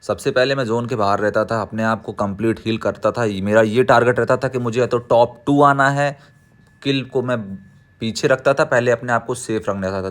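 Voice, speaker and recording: A young man chatting casually over gameplay, sharing tips in an advice-giving way with frequent restarts. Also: medium pitch. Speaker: mobile gaming creator.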